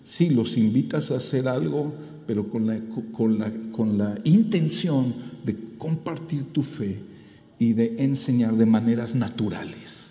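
A male pastor delivers a sermon in a mellow, warm voice. His delivery is animated, climbing to emphatic peaks before settling back. The sound is roomy, with a long hall reverb trailing his words. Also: mid-range voice, unhurried. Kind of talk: preaching a sermon.

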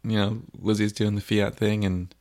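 A man's voice: on the low side, flat delivery, normal speed, darkish tone. A man co-hosting a faith podcast, chatting casually and telling rambling stories with many fillers. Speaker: podcast co-host and youth minister. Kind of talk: casual chat.

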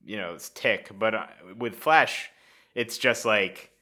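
A young man with a lowish, pushed and bright voice speaks slowly as a podcast co-host in a casual chat. He rambles, using plenty of fillers and laughing frequently.

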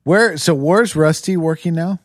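A man's voice: a little high, a little slow, dry recording. A man co-hosting a casual podcast chat, with a dry, teasing manner. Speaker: podcast co-host. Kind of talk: casual chat among friends.

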